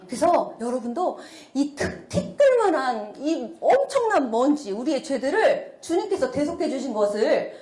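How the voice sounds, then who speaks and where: A middle-aged woman delivers a church testimony with a high, swooping voice. She talks in an animated way, exclaiming and laughing often. The sound carries a roomy echo. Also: moderate pace, few pauses. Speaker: church speaker giving testimony. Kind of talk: testimony sermon.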